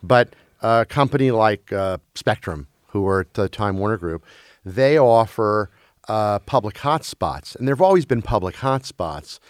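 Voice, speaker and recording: A man with a lowish voice, chatting loosely about film and streaming. He grew up in Belgium, and he restarts his sentences and hunts for words as he goes. The sound is dry and close. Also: lively intonation, clean tone, no echo. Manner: halting, many restarts and fillers.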